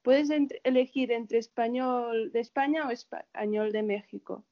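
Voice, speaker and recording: Casting: woman, fairly high voice, tentative polite asker, lo-fi call audio. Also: fairly even intonation, moderate pace. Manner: tentative, polite questioning with restarts. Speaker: participant asking a question. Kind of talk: casual group video call. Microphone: video call. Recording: dull lo-fi video call audio.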